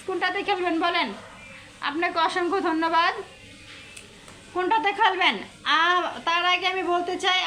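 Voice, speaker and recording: A woman's voice: very high voice, sharp tone. A woman from Bangladesh, hosting a casual live stream, chatty and repetitive as she teases her viewers. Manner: chatty, repeats herself, teasing viewers.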